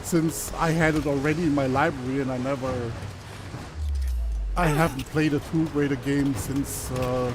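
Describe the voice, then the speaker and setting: A man's voice: mid-range voice, fairly even intonation, moderate pace, noisy background. A man streaming a game with casual, hesitant, laid-back live commentary. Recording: game music behind voice. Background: game soundtrack.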